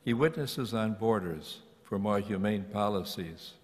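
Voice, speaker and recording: An older man, a priest, speaking in a measured, solemn liturgical way with a cathedral echo on his voice. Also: lowish voice. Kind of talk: liturgical reading and homily. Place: large church, at the lectern. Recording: echoey church hall, long reverb.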